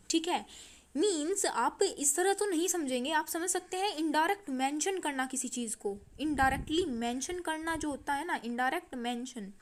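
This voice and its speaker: Lady teacher, high voice, goes over each word again and again, keeps asking "ok?". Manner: explains slowly, repeats words, checks with "ठीक है?". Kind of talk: vocabulary lesson.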